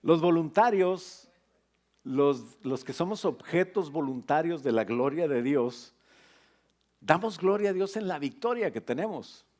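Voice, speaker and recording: A middle-aged male pastor preaching a sermon, lively and joking with his congregation. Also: a little high, unhurried.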